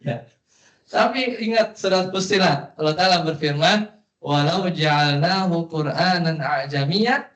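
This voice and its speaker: A man's voice: sits high, a bit bright. Echoey male religious teacher. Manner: explanatory, conversational with tag questions. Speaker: Islamic teacher. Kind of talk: religious study lecture.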